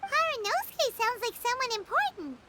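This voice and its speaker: A woman voicing a tiny, cheeky, childlike fairy companion with a squeaky, perky voice in a video game. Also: very animated, normal speed, very noisy. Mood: curious, eager. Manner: perky, refers to self in third person. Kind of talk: video game cutscene acting. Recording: game music behind the voice.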